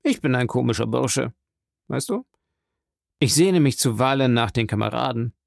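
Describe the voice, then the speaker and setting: A man's voice: mid-range voice, expressive, normal speed, gravelly, dry recording, studio quality. A man voicing a greedy, scheming male ex-convict who needles and wheedles, in a storybook reading.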